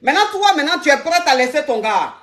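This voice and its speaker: A woman's voice: high voice, big pitch swings, fast talker, a bit bright. A woman hosting a live call-in advice stream, playful and repeating her phrases.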